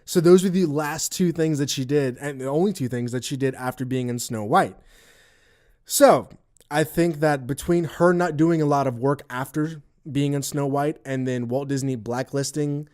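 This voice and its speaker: A man of middle pitch chats on a casual podcast. He rambles through his stories, restarts his sentences and stacks up fillers as he goes. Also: a little mellow. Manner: rambling, many restarts and fillers, laughs while telling stories. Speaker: podcast co-host.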